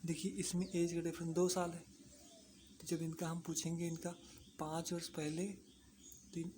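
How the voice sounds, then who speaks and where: Flat-voiced maths teacher explaining slowly. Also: medium pitch, slight background noise. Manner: repeats points, asks and answers own questions. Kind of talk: explaining a lesson to exam students.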